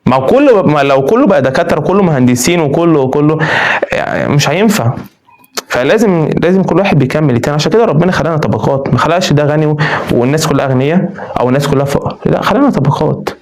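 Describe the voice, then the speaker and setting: A young man with an Egyptian Arabic accent giving casual, earnest advice straight to his viewers in a vlog. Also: a little high. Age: young adult. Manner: rapid, animated, earnest, addresses listeners directly. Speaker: student vlogger.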